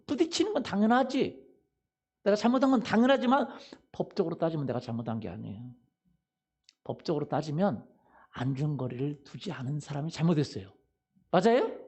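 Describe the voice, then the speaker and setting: A man's voice: sits high, darkish tone, breathy edge. A male pastor giving a Sunday sermon, quizzing the congregation with fill-in questions and repeating "hallelujah" and "right?". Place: church sanctuary.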